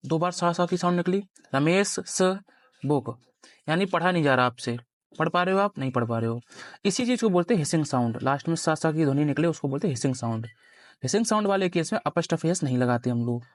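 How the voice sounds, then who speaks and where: A man's voice: on the high side, dry recording, clean studio sound. A young man teaching a grammar lesson at a board, explaining step by step and constantly quizzing his students. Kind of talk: classroom grammar lecture at a board.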